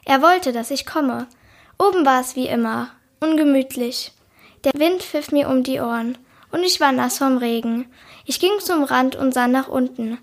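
Girl with a high voice reading a book passage out loud, careful and plain. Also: normal speed. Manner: plain, careful read-aloud voice. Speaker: student reader.

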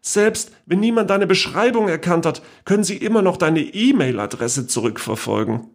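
A man's voice: sits high, animated, moderate pace, voice pushed up. A man voicing an anxious adult relative who speaks urgently and pleadingly. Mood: alarmed. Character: alarmed adult relative confronting an old aunt.

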